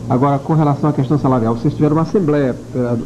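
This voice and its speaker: A male TV news host, interviewing a guest with brisk, probing questions, heard from an old VHS tape. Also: medium pitch, highs cut off, background noise. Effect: old VHS tape recording.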